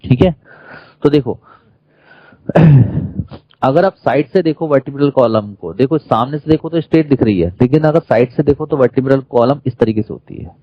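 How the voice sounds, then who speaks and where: A man's voice: mid-range voice, normal speed, dry recording, dull audio. A man with an Indian accent teaching a classroom lecture, who keeps quizzing the class and repeating key terms.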